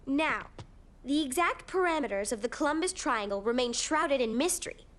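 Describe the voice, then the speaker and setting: A woman's voice: high voice, lively intonation, moderate pace, fairly bright tone, a little hiss or hum. A woman voicing an imaginative, earnest schoolgirl sleuth in a children's cartoon, talking in a dramatic, conspiratorial way. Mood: determined.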